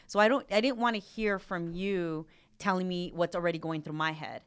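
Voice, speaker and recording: A woman co-hosting a podcast in a casual chat, telling stories in an animated way, recorded in a studio. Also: lowish voice, normal speed, clean tone. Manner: animated storytelling, acting out her daughter and herself in quotes. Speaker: podcast co-host.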